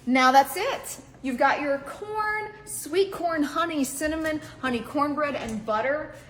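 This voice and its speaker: A woman's voice: sits high, unhurried, fairly bright tone. A woman from Mississippi with a Southern accent, hosting a cooking demonstration in a bubbly, enthusiastic way. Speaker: cooking show host.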